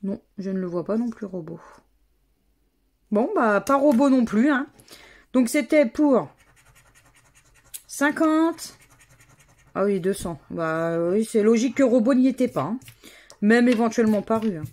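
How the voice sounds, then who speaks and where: A woman's voice: a little high, lively intonation, measured pace, pauses often, a little mellow. A woman from France giving a casual running commentary as she scratches lottery tickets, spelling out letters one by one. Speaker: scratch-card vlogger.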